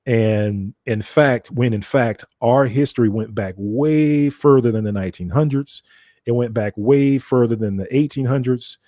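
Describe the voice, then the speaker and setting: A man's voice: medium pitch, a little slow, warm tone, no room sound, clean studio sound. An American man giving an informal teaching talk in a conversational, explanatory way, repeating phrases for emphasis. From United States. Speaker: broadcaster.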